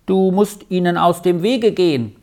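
Reading from a children's storybook, a storyteller voices a lonely, earnest little boy, pitching up to sound young and pleading. The delivery is lightly acted, a little mellow, and at a moderate pace.

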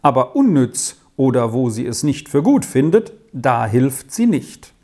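A reader voicing a composed farmer's wife who speaks calmly and unhurriedly. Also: medium pitch. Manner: calm and unhurried.

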